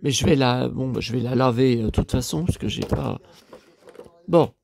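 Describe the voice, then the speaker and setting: A man's voice: medium pitch, normal speed, gravelly, a little mellow. A man from the Lyon area talking in a casual vlog, rambling and chatty as he shows his purchases, with bursts of exasperated complaint. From Lyon area, France. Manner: rambling, chatty, many fillers and tag questions. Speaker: vlogger.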